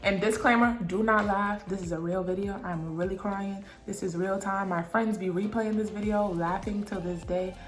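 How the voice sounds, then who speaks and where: A young woman vlogger telling a story in a casual, animated way, swearing often and getting emotional. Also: medium pitch, normal speed, few pauses. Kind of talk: storytime vlog. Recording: echoey room with faint music.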